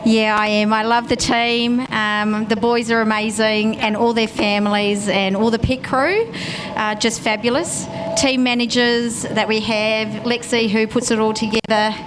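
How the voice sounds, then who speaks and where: Slightly high-voiced New woman. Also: little pitch movement, unhurried. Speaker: team sponsor. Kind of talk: casual interview. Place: outdoors at a speedway. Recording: loud outdoor vehicle noise.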